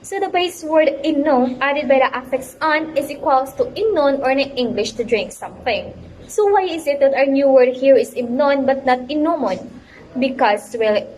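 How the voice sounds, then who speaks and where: A young woman student presenting a class report, reading her explanations carefully and a little haltingly. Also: high voice, poor audio. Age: young adult.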